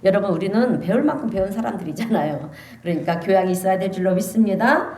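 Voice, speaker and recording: A woman pastor preaching a sermon, animated and calling the congregation to answer amen. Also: mid-range voice, quick pace. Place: church sanctuary. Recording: echoey church sanctuary.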